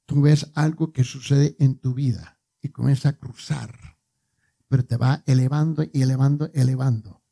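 A man's voice: mid-range voice, steady tone, normal speed, gravelly, dark tone, slightly rough. A male preacher giving a conversational sermon, repeating words for emphasis and joking with his congregation.

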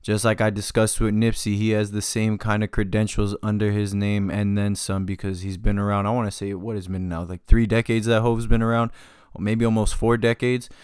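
A man's voice: fairly low pitch, little pitch movement, fairly quick, darkish tone, clear, resonant tone, no echo, clean studio sound. A man hosting his own podcast, wrapping up in a casual, laid-back monologue full of "uh" and "yo". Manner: laid-back, loose, with many fillers like "uh" and "yo". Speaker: podcast host.

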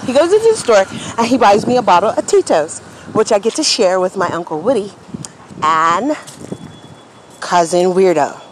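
A woman's voice: mid-range voice, expressive, normal speed, pauses often, low-quality recording. A slightly tipsy woman telling stories in a rambling, profane monologue while walking outdoors. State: a little tipsy. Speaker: podcast host. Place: outdoors on a city street. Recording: street noise with passing traffic.

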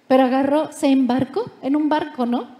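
A woman pastor preaching, retelling the story with playful asides and lively turns. Her voice sits high, and the room around her is echoey. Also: normal speed. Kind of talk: sermon. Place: church.

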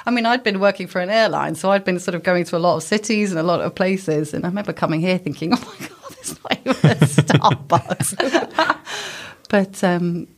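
A woman's voice: fairly low pitch, normal speed. A woman in her thirties from Berkshire with a southern English accent, telling stories in a casual interview and laughing often. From Berkshire, England. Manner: warm storytelling, laughs often. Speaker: guest, yoga studio co-founder.

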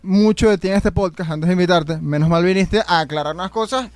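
A man's voice: sits high, brisk, no echo. A man with a Venezuelan accent hosting a podcast, talking in a loose, slangy, hesitant way. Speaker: podcast host. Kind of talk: casual podcast chat.

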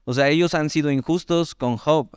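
A Mexican man preaching in a relaxed, conversational sermon style, with a Mexican Spanish accent. His voice is smooth and resonant at a mid pitch. It is recorded close and dry, with no room sound. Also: dry recording. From Mexico, Veracruz. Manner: conversational, animated asides, reads scripture slowly. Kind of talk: sermon, Bible teaching.

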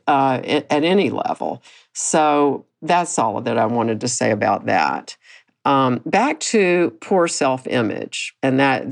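A podcast host in her sixties reflects candidly on personal matters in a low, non-projecting voice. She tends to restart her phrases as she goes.

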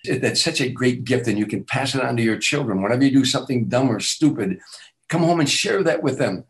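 A man's voice: mid-range voice, lively intonation, fairly quick, poor audio. An older man, an author and teacher, giving an earnest motivational talk in an interview, repeating affirmations with emphatic lifts on key phrases. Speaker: guest speaker, author and teacher.

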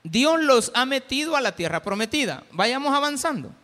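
Salvadoran male pastor, lively sermon delivery with acted-out quotes, high bright voice, echoey hall. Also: moderate pace. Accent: Salvadoran Spanish. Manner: animated, acts out quoted voices.

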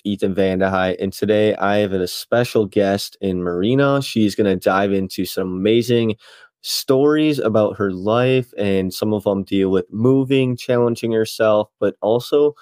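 Guy hosting a chill podcast, lowish voice, dry close sound. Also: moderate pace, a little mellow, dry recording. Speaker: podcast host. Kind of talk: casual podcast interview.

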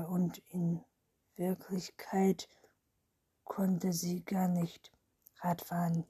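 A woman reading a children's story aloud in a soft, slow whispered role-play. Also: on the low side, husky.

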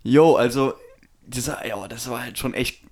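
A man's voice: mid-range voice, normal speed, a little mellow. A young man chatting casually as a podcast co-host, with lots of slang. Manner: slangy, reacting with laughs and short agreement. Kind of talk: casual chat.

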